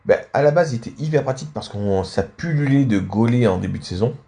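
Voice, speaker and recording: Fast and animated, a medium-pitched man with a warm tone hosts video game matches and comments casually. His nose is slightly blocked by a cold, so frequent coughs and throat clearing break in.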